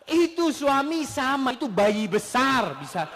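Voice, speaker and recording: A man preaching to a congregation, animated and sprinkling Arabic religious phrases, sometimes acting out husbands and wives. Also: extremely high pitch, a little hiss or hum. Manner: animated, acts out husbands and wives in quick voices. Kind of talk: sermon with questions and answers.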